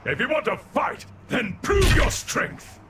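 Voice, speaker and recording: An actor voicing a proud, warlike undead arena announcer in a video game, shouting commands and proclamations in a declamatory way over music. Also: high voice, huge pitch swings, slow, noisy background, exaggerated voice. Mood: goading, fierce.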